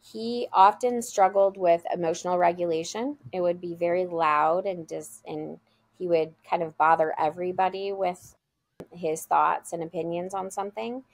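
A woman's voice: lowish voice, steady tone, moderate pace, no echo. A woman guest telling heartfelt stories about her school in a casual interview over a video call. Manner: earnest, heartfelt storytelling.

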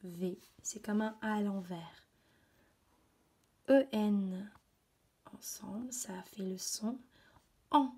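A woman, teaching young children from her computer at home and slowly sounding out letters and words. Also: medium pitch, dark tone, husky. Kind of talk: remote lesson for young children. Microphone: computer mic.

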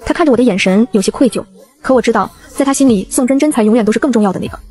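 A woman narrating a first-person novel as an audiobook reader, in a brisk storytelling manner. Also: on the high side, darkish tone, husky.

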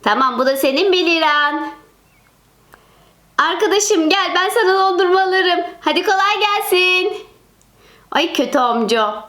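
A woman voicing children in a mobile game role-play with a lively, childlike manner. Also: extremely high pitch, unhurried, echoey room.

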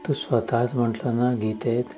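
A man's voice: medium pitch, little pitch movement, moderate pace, warm tone, faint music behind. A man leading a devotional guided meditation, speaking reverently and chanting verses. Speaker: spiritual speaker.

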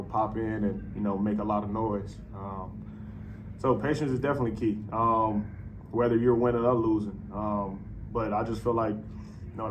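In the arena press room after the game, a young pro basketball player in his twenties fields reporters' questions through a stand-mounted table mic. His fairly low voice comes across relaxed and loose, peppered with "you know," while noise hums in the background.

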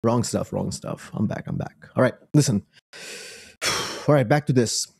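A man's voice: mid-range voice, unhurried, vocal fry, heavy background noise. A young man from a Bengali background, joking and exclaiming as he comments casually on videos and sites while sharing his screen. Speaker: online business creator.

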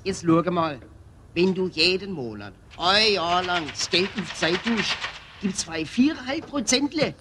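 A man's voice: sits high, animated, a little slow, noisy background. A man playing a helpful bank clerk with a Swabian accent in a cartoon. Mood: explaining. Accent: Swabian German. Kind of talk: animated film dialogue.

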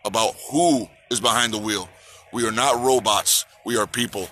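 A man's voice: on the low side, normal speed. A man in his forties giving an impassioned outdoor protest speech, repeating slogans and asking the crowd to answer back, recorded on a phone held at arm's length. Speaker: trucker activist. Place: outdoors on a city sidewalk by a park.

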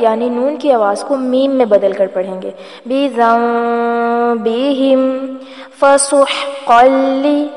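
A woman teaching tajweed, who chants words slowly and melodically and then explains each rule quickly. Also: on the high side, a little mellow. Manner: alternates drawn-out melodic recitation with brisk explaining. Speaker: Quran recitation teacher. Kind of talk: tajweed lesson, slow recitation with quick explanations. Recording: echoey room with long reverb and faint music.

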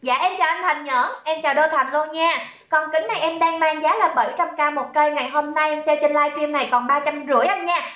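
A woman's voice: high-pitched, fast, hardly any pauses, lo-fi sound. A young woman from Saigon with a Southern Vietnamese accent, hosting a live sales stream, chatting and joking with viewers and greeting them by name. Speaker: livestream seller. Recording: roomy echo.

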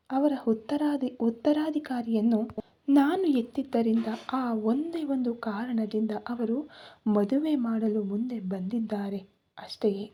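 A woman's voice: a little high, husky, muffled recording. A woman voicing a hurt young mother. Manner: pleading, tearful questioning.

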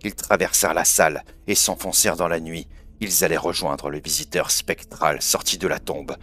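Deep-voiced man narrating horror. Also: steady tone, sharp tone. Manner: measured, solemn delivery. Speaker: audiobook narrator. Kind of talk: dramatic horror story reading.

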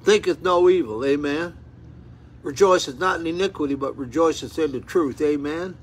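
With a fairly high, husky voice at a moderate pace, a man in his eighties preaches sitting down, reading scripture aloud. His fervor rises into exclamations, and he tends to repeat words and restart. He's captured on a phone camera at close range in a small room.

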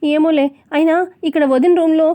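A woman voicing a kind young sister-in-law who asks gently and worries. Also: high-pitched, fairly even intonation, brisk, dry recording, pitched above the performer's own voice, close to an everyday voice. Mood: concerned. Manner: gentle questioning.

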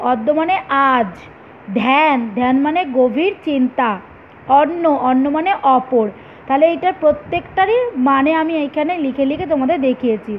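A woman with a high voice teaches young pupils a spelling lesson. She explains patiently, step by step, and asks the same question again and again. The recording is slightly dull, with faint background noise. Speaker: primary school teacher. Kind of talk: online Bengali spelling lesson.

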